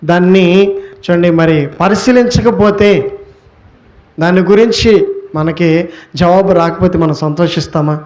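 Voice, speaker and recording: High-voiced preaching pastor. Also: male voice, a little mellow. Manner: rhetorical questions answered by himself; repeats key words slowly for emphasis. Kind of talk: sermon.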